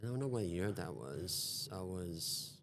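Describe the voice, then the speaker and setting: Deep-voiced man, halting and repetitive. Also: lively intonation, a little hiss or hum. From Taiwan. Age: 40s. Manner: hesitant, halting, repeats himself. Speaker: guest. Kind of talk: podcast interview.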